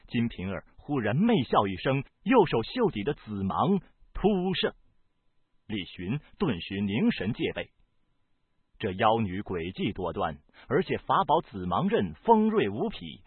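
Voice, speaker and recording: A man with a husky voice reading a novel aloud as audiobook narrator, in an expressive, varied storytelling delivery. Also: mid-range voice, measured pace, dry recording. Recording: dry, tinny phone-like sound.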